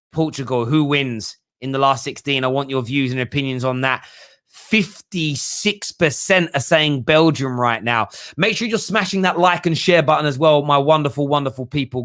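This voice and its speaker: With a medium-pitched, fairly bright voice, a man hosts a football fan livestream in a casual style. He reads out what viewers write and responds bluntly and emphatically, often repeating himself.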